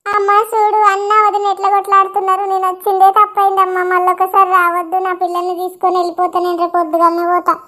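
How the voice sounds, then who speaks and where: A woman's voice: very high-pitched, completely flat delivery, fast talker, few pauses, a bit bright. A woman playing a hurt young married sister visiting her mother, with a plaintive, aggrieved way of talking.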